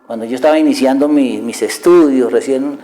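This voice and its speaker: A man's voice: mid-range voice, brisk, warm tone, low-quality recording. A middle-aged man preaching with passion, posing rhetorical questions and dropping from a raised voice to a near-whisper. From Colombia. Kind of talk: sermon.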